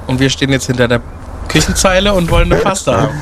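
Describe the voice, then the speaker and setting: A man's voice: fairly high pitch, animated, fast talker, noisy background. A man hosting a casual radio cooking segment, laughing often and giving short agreeing replies. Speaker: radio host.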